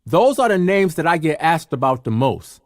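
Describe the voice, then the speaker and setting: A man teaching from slides, explaining clearly and step by step. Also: a little high, sing-song, moderate pace, no room sound, clean studio sound.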